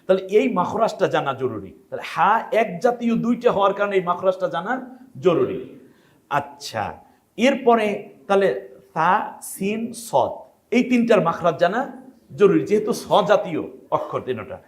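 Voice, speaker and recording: In a sing-song, high voice at normal speed, a Bangladeshi man leads a Quran pronunciation class. He asks his students questions and shows them how every letter should sound.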